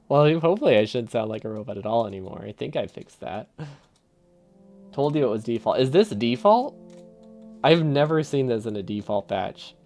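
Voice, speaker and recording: A man talks through his game live, musing aloud and answering his chat with easy chuckles. His mid-range voice carries a gravelly, creaky texture. Soft music hums faintly beneath him. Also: mid-range voice, sing-song, moderate pace. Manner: thinks aloud, chuckles often, easily amused. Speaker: game streamer.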